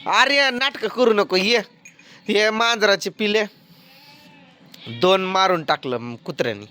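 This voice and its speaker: Man, slow and blunt, casual phone vlog scolding his household; faint hiss in the background. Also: high voice, lively intonation, sharp tone. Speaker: rural vlogger filming his family. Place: farmyard at home with animals. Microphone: phone camera.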